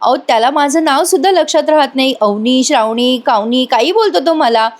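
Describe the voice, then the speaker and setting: A woman's voice: high-pitched, lively intonation, a little fast, pitched above the performer's own voice. A woman voicing a headstrong young woman who protests against an arranged match. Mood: protesting. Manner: protesting, complaining.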